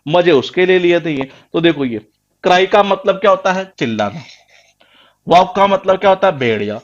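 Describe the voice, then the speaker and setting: A man's voice: high-pitched, lively intonation, moderate pace, highs cut off. A man with a Rajasthani Hindi accent teaching English idioms for exams, asking questions and answering them himself, often repeating words for emphasis. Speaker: English teacher for exam prep. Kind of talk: classroom lecture.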